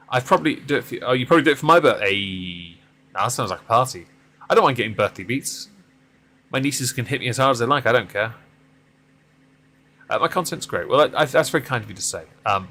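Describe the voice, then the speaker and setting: This is a deep-voiced man in his thirties with a sharp tone, talking loosely to his stream audience as he plays a driving game. His chatter is rambling and self-deprecating, and there's slight background noise.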